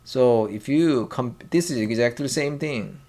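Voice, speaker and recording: Sounding out each syllable separately, a man teaches a language with a medium-pitched, somewhat mellow voice. The delivery is hesitant and full of fillers and restarts.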